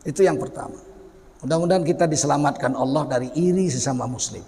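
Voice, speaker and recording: A middle-aged man delivers a lively sermon. He mocks and acts out the people he describes. His voice sits a little high and rings with a long hall reverb. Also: fast, vocal fry, a little hiss or hum. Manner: animated, mocking, acts out quoted people. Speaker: preacher.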